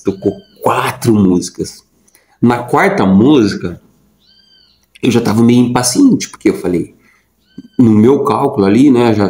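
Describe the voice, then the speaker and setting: A man's voice: on the low side, dark tone, echoey room, rough recording. A young adult man telling a personal story in a casual, rambling way, with lots of fillers and repeated words. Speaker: vlogger.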